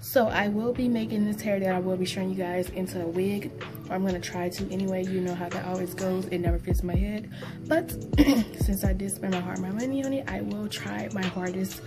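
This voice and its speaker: A woman's voice: medium pitch, steady tone, fairly quick, music in the background. Young woman chatting, mouth stitched after tooth extraction. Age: young adult. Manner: informal, rambling. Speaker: beauty vlogger. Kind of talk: casual product review chat. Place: small indoor room. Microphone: phone propped at arm's length.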